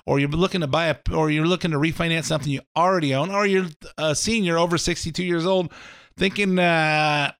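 Between ads for his own mortgage business, this middle-aged man hosts a casual political talk radio show, rambling in a folksy way with fillers and restarts. His voice sits on the high side, slightly scratchy yet smooth, fairly bright and steady, at a fairly quick pace. It's a dry, studio-quality recording.

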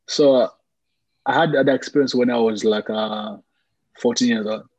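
This soccer player, a man in his twenties with a Congolese accent who is from the DRC and later Malawi, has a medium-pitched, slightly mellow and slightly rough voice at normal speed and steady tone. The dry recording has its highs cut off. He answers interview questions casually, repeating himself and using "like" and "you know" a lot.

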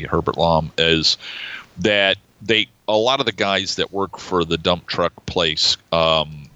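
Man, very low voice, forceful, rambling film chat, dry and slightly dull sound. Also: dry recording. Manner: rambling, many fillers and restarts. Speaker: podcast co-host. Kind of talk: casual film discussion.

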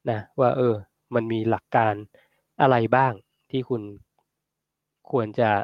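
A man hosting a casual livestream, chatting and answering viewer comments in a relaxed, friendly way. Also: medium pitch, slow pace, no echo, muffled recording. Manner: relaxed, chatty, ends phrases with polite particles. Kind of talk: casual livestream talk on health.

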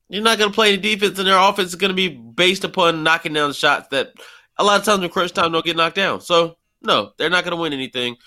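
A man's voice: high-pitched, sharp tone. A man co-hosting a sports talk show, lecturing and dismissive as he argues his point. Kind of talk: heated sports debate.

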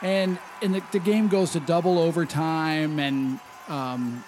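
A man's voice: fairly high pitch, steady tone, a little slow, darkish tone, slight background noise. A man hosting a casual podcast, talkative, leading the conversation and telling anecdotes. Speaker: podcast host.

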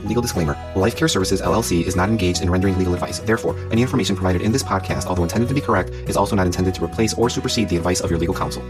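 Male announcer for a fast legal disclaimer, low-pitched, rattled off over clear background music. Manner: rapid-fire reading of legal fine print.

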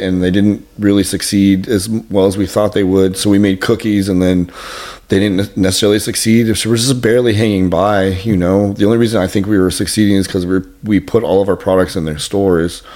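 A man with a lowish voice chatting frankly in a podcast interview. He talks loosely, swears without a second thought and leans on filler words. He speaks as a fitness trainer reflecting on his own work. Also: a little mellow. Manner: loose and frank, swears freely, lots of "like" and "you know". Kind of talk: casual podcast chat.

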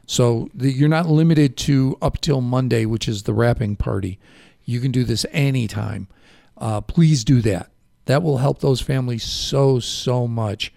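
Brief: male radio host, gravelly tone, dry studio sound, rambling, self-correcting delivery. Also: medium pitch, a little slow, dark tone, no echo. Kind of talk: local radio interview. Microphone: studio microphone.

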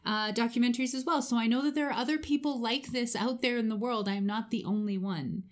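A woman's voice: a little high, fast. A woman chatting casually as a podcast co-host, with a teasing, bantering way of talking. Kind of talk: casual chat.

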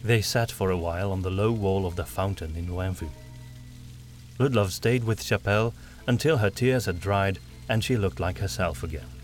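A man reading a fantasy audiobook in a measured storytelling manner. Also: sits low, soft background music. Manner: measured storytelling, doing all the voices. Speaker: narrator. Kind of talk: scripted audiobook narration.

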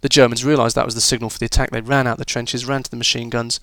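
Man, history teacher, informal chatty delivery, average pitch, dry close sound. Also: little pitch movement, racing, fairly bright tone, no room sound. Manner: chatty and informal, with filler words and restarts. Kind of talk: recorded history lesson for students.

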